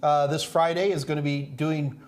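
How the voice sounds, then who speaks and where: A man's voice: a little high, level tone, normal speed. A man from the Houston area, hosting a casual live question-and-answer stream in a folksy, joking manner. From Houston, Texas area. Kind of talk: casual livestream chat. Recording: clear background noise with hum.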